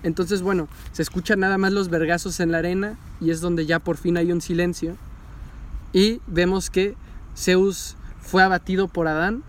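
Man, high voice, animated, excitable, casual podcast chat. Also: normal speed, a little hiss or hum. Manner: animated, excitable, swearing freely. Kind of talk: casual chat recapping an anime.

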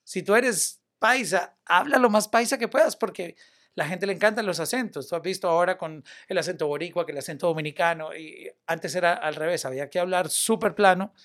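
A young man, a media personality and former radio host, chatting casually on a podcast, animated and loose, mixing English words into his talk. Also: sits high, fairly quick.

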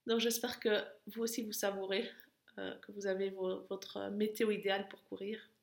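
A woman working as a running coach, guiding an interval session with urging, encouraging calls and countdowns in a creaky voice. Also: mid-range voice, level tone, moderate pace. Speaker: running coach and podcast host. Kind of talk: guided interval-training coaching. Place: at home, indoors.

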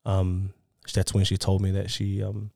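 A man's voice: sits low, monotone, a little slow, vocal fry, warm tone, no echo, studio quality. A man with a broad New Zealand accent telling a candid personal story in casual, slangy talk. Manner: slangy, often tagging sentences with "bro" and "eh". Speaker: interview guest.

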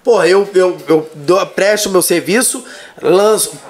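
A man who teaches, a guest in a casual live chat, telling stories in an animated way and swearing often. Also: high-pitched, unhurried.

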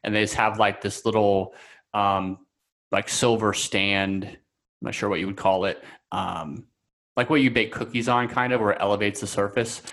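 A man's voice: on the low side, steady tone, normal speed, fairly bright tone. A man guest on a podcast, talking casually and rambling with many fillers and restarts. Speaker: coaching client guest.

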